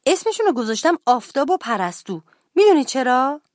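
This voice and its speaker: A woman's voice: high voice, sing-song, no room sound, clean studio sound. A woman voicing a restless, lonely schoolboy who keeps getting into trouble, in a children's storybook reading. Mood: excited. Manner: loud, eager and plaintive.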